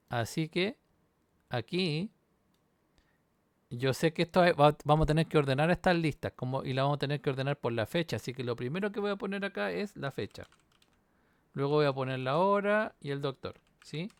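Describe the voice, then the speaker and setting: In a screen-recorded coding walkthrough, a university instructor explains a programming exam solution step by step, checking in with the class using "¿sí?". His voice is a little high, clear and resonant, with no room sound.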